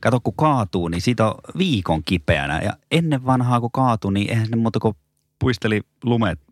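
A man's voice: on the low side, expressive, no room sound, clean studio sound. A middle-aged man co-hosting a podcast, chatting casually and poking fun at himself. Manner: self-mocking, laughs often. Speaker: podcast co-host. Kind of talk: casual chat.

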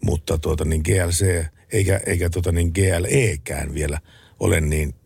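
A man co-hosting a late-night radio talk show in a relaxed, chatty way, reading out listener messages. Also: low-pitched, gravelly, breathy edge, no echo. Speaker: radio co-host.

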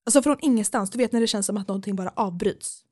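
A woman's voice: medium pitch, warm tone, dry recording, clean studio sound. A young woman, telling a story in casual podcast chat, acting out quotes and swearing freely.

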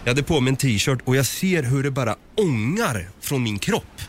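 A man's voice: mid-range voice, lively intonation, background noise. A man, co-hosting a podcast and telling a story in casual chat, acting out both sides of the exchange. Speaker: podcast co-host.

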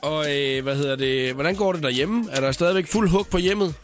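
A man hosting a radio show, guessing in a quiz and cracking quick jokes. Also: fairly high pitch, faint music behind. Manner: joking, quick asides. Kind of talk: casual radio banter.

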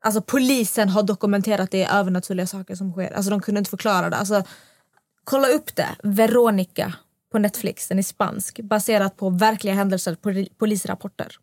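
A young woman hosting a casual podcast, telling a story with lively quoted dialogue. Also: medium pitch, no room sound, studio quality. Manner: animated storytelling, acting out quotes. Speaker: podcast host.

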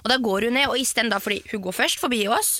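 A young woman chatting on a podcast in a studio, telling a lively story and acting out the quoted lines. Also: a little high. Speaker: guest. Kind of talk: casual podcast chat.

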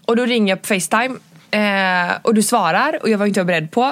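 A woman co-hosting a casual podcast chat, telling her story with lots of hesitant fillers and acting out both sides of the dialogue. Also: medium pitch. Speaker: podcast co-host.

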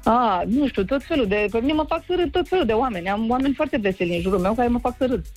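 A woman's voice: on the high side, animated, a little mellow, faint music behind. A woman calling in to a morning radio show live, chatting casually with the host. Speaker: caller. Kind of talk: casual chat.

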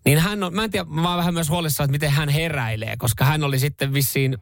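A man hosting a morning radio show, telling stories in a lively, chatty way and imitating sounds. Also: a little high, dry recording, studio quality. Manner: animated storytelling, mimics sounds. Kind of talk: casual radio banter. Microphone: studio microphone.

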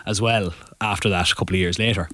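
A man's voice: sits low, fairly even intonation, fast talker, sharp tone, dry recording. A young Irish man, a goalkeeper guest on a podcast, tells rambling stories in casual chat, often correcting himself and laughing. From Ireland.

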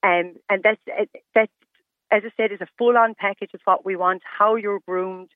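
Woman, west of Ireland accent, radio interview guest, emphatic, medium pitch, muffled phone audio. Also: fairly even intonation, normal speed, no echo. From Galway, west of Ireland. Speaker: interview guest, stylist and fashion competition judge. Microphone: telephone. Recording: muffled narrow-band phone line.

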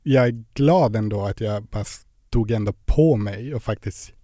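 Chatty young man, dark mellow voice. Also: lowish voice, no room sound, studio quality. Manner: chatty storytelling with many fillers. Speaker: podcast guest. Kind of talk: casual interview chat.

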